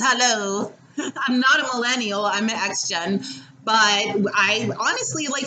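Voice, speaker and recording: A woman's voice: a little high, noisy background. A woman in her forties from the United States, delivering a heated, profane, unscripted rant to camera. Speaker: vlogger.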